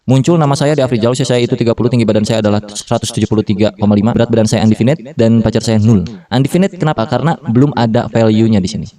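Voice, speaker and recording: Speaking rapid-fire with hardly a pause, this thirty-something programming tutor talks through code in casual Jakarta slang, dropping fillers and fixing his own sentences as he goes. His voice is medium-pitched and dark in tone, and the mic sits far away.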